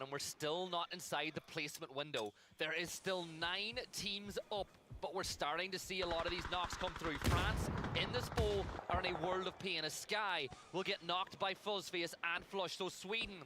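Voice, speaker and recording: A man with a high voice calls a live esports match in energetic, excitable play-by-play. Loud game sounds play beneath him throughout. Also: normal speed, few pauses, heavy background noise. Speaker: esports caster. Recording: loud game audio behind.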